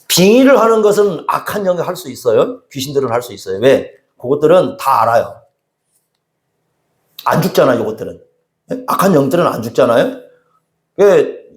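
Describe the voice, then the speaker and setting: A pastor preaching to his congregation, his fairly high voice rising and falling a great deal as he fires questions and answers them himself. The sound is roomy, with the echo of a church hall around him. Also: big pitch swings, a little fast, pauses often. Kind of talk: expository sermon. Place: church sanctuary.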